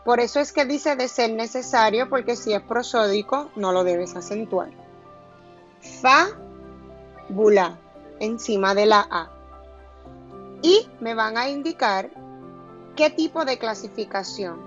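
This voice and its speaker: A woman teacher giving a recorded grammar lesson, stressing each syllable slowly and deliberately. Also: fairly high pitch, expressive, dull audio, soft background music.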